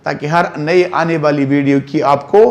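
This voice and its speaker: A man's voice: on the high side, steady tone, moderate pace. A man teaching English grammar in a lecture, mixing Hindi-Urdu and English and drawing out example words as he explains. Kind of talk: classroom lecture.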